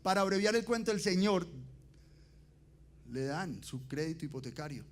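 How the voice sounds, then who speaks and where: A man giving a motivational conference talk, asking the audience rhetorical questions and swinging between loud emphasis and quiet, dropped endings. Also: fairly high pitch, animated, normal speed. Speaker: conference speaker.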